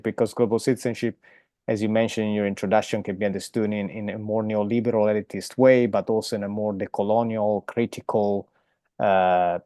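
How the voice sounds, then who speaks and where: A man hosting an academic interview, speaking in a measured way with many fillers. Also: fairly low pitch, warm tone, dry recording, studio quality. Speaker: interview host.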